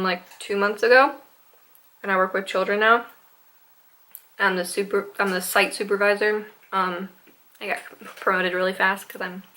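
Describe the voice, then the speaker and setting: A woman's voice: mid-range voice, bright, forceful tone, rough recording. A young woman vlogging at home in a casual eating-show chat, hesitant and rambling with lots of ums and likes. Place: home room with a Christmas tree.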